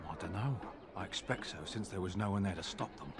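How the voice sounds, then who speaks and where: Fast, low-voiced townsman, played by a man in noise. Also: close to an everyday voice. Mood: relieved, uneasy. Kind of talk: video game background dialogue. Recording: loud ambient noise over voice.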